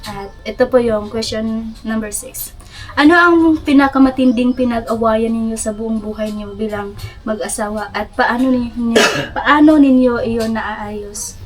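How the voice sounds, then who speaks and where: A woman's voice: fairly high pitch, fairly even intonation, unhurried, over music. A young woman hosting a casual vlog interview, asking patient prompting questions. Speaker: vlogger, interviewer.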